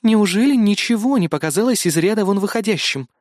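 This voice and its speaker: A man's voice: sits high, expressive, fairly quick, no room sound, studio quality, pitched above the performer's own voice. A man voicing an eager young female electronic assistant in an audiobook, coaxing and exasperated. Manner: pleading, exasperated.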